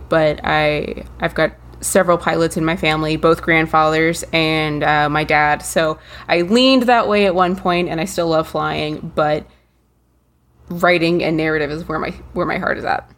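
A young woman guest in an interview, talking quickly and eagerly about her path into writing. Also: low-pitched. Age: young adult. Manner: quick, enthusiastic, quotes her own thoughts. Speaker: guest, writer. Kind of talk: conversational interview.

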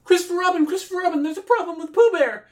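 A man's voice: very high-pitched, very fast, a little mellow, distant mic. A man voicing a small, timid stuffed piglet who frets and stammers, in an improvised comic story. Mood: adoring. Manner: stammering, fretful.

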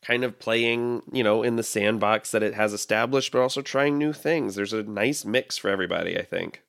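A man's voice: fairly low pitch, moderate pace, gravelly, a bit bright. A man co-hosting a podcast, chatting enthusiastically about upcoming comics, often repeating words as he starts a thought. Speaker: podcast co-host. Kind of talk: casual chat.

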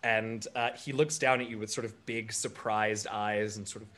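A man narrating a tabletop game as game master, relaxed and unhurried, with many fillers. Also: on the low side.

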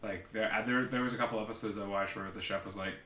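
A man with a lowish, flat voice chats in an offhand way, and his tone sounds bright and sharp. The room is echoey, with faint ambience behind him. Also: quick pace. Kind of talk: casual chat.

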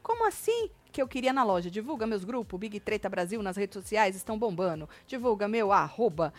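A woman's voice: mid-range voice, fairly quick. A woman with a Brazilian Portuguese accent, hosting a casual live gossip commentary and animatedly acting out what others said.

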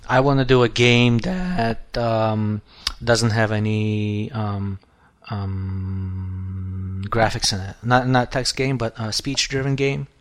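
A man in his thirties chatting casually on a podcast, rambling and restarting his sentences, swearing freely, a bit hoarse as his voice goes. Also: on the low side, takes it slowly. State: losing his voice. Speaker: podcast co-host, app developer.

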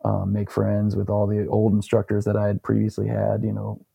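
A young man casually recounting a story as an interview guest, relaxed and rambling with plenty of fillers. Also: lowish voice, moderate pace, vocal fry, breathy edge, dry recording.

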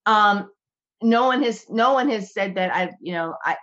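A woman podcast guest telling animated, rambling anecdotes in casual conversation. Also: mid-range voice, moderate pace, lo-fi sound.

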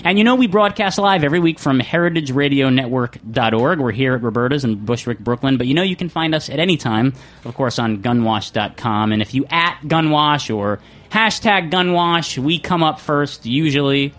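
A man hosting a live radio show from a studio, chatting casually and rambling with an excitable manner, often restarting his sentences. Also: medium pitch, moderate pace. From not from New York.

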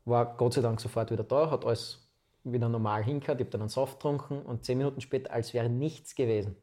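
A man's voice: mid-range voice, fast talker. A man in his twenties with an Austrian accent, telling his own story as a guest in a casual, chatty interview. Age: 20s. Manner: chatty, relaxed anecdotal storytelling.

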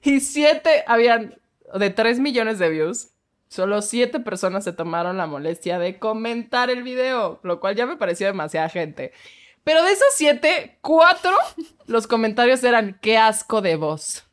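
A woman's voice: fairly high pitch, measured pace. A woman with an upper-class Mexican fresa accent, co-hosting a casual comedy podcast, telling stories with laughs and mimicking others. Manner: animated, laughing storyteller who mimics others. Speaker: podcast co-host and voice-over artist.

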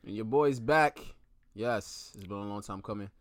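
A man's voice: lowish voice, normal speed, no room sound, clean studio sound. A man who is a returning guest on a podcast, teasing the others in casual chat and repeating "bro".

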